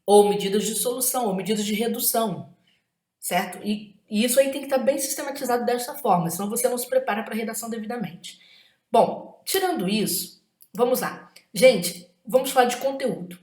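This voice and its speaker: A woman's voice: fairly high pitch, fairly quick, a little mellow, reverberant. A woman with a Brazilian Portuguese accent gives an exam-prep writing lesson, emphatic and often checking in with tag questions.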